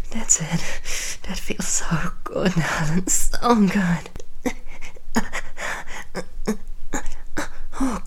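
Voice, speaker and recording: Woman playing a breathy seductive queen. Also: lowish voice, full character voice. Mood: soft teasing. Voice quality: breathy, whispery. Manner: teasing, commanding, intimate. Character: seductive commanding adult queen. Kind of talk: erotic audio roleplay.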